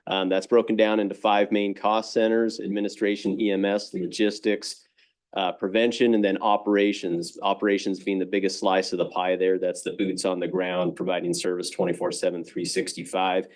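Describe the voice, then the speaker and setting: A middle-aged fire chief with a fairly low voice walks a city council through his numbers. He talks briskly and plainly, the way someone does when he has promised to keep it short. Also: little pitch movement. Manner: brisk, plain-spoken, figures-heavy. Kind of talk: public presentation. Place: council chamber.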